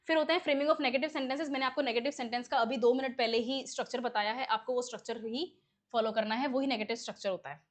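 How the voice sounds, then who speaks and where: A woman gives an exam-prep English lesson, her voice a little higher than most. She explains things patiently, one step at a time, and keeps checking that her students follow. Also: fairly even intonation, quick pace. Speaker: English teacher.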